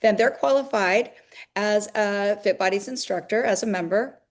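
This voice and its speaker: A woman with a mid-range voice speaks at a normal pace. She has run a fitness business for many years and, in an interview, explains her company at length with plenty of fillers.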